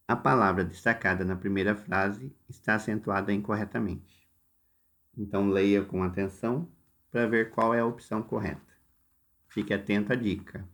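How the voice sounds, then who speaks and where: Man, Brazilian Portuguese accent, gravelly, teacher explaining a lesson, slow and instructive. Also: fairly low pitch, fairly bright tone. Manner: slow, instructive, addresses students directly with step-by-step directions. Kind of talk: recorded lesson walking through workbook exercises.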